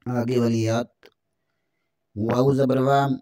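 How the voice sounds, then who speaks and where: A man teaches Quran recitation, breaking each verse into its letters before chanting it in a slow, drawn-out way. His voice is smooth and clear, held at a flat, steady pitch. The recording is dry and close. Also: no echo. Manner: slow drawn-out recitation between brisk explanations.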